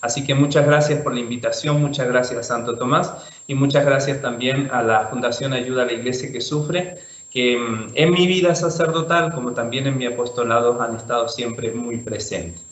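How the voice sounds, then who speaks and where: A man, a priest giving an online talk with slides, relaxed and thinking aloud with fillers and restarts. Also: medium pitch, normal speed. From Chile. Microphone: video call. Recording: roomy, dull video call audio.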